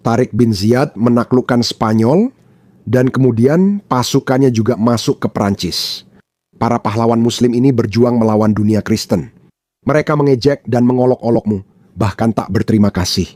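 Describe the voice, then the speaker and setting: A man from Pakistan delivers pointed commentary in a mellow, relaxed tone. He stresses his points by repeating them, and the dry recording has no room sound. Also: mid-range voice, moderate pace, no echo. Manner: emphatic, repeats points for effect. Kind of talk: opinionated commentary.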